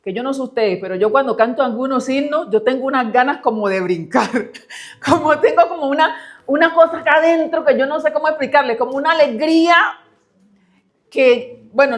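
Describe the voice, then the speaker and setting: A woman's voice: high voice, moderate pace. A woman giving a church teaching talk, chatty and laughing often as she speaks to the congregation.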